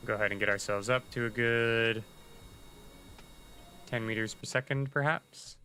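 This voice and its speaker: A man's voice: medium pitch, steady tone, normal speed, bright, forceful tone, a little hiss or hum, rough recording. A man giving casual, chatty commentary while livestreaming a game, thinking aloud and muttering asides to himself. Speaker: livestreaming gamer.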